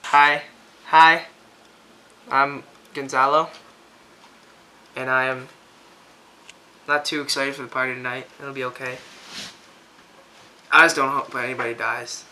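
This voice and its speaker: A man's voice: medium pitch, level tone, measured pace, long pauses, pushed and bright, slight background noise, poor audio. A man playing a reluctant, anxious peacekeeper in an improvised comedy, speaking in a plain, understated way. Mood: uneasy resignation. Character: Gonzalo, reluctant anxious peacekeeper, mildly weary. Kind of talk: improvised comic mockumentary.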